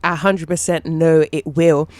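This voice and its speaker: A woman's voice: low-pitched, steady tone, unhurried, darkish tone, dry recording. Playful woman hosting a talk show. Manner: playful, laughs often. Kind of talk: casual interview.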